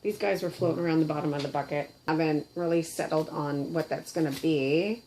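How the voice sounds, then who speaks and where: A middle-aged Canadian-accented woman, a puppeteer and vlogger, chats casually at her kitchen table while showing off her puppets, giggling and poking fun at herself. Her voice is deep and warm, fairly quick, with slight background noise.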